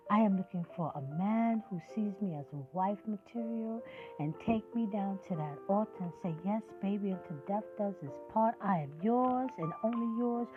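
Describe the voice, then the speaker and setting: A sixty-year-old woman with a medium-pitched voice hosts her own podcast, heard with phone-quality sound. She delivers a passionate, emphatic monologue whose intensity rises and falls as she preaches her point.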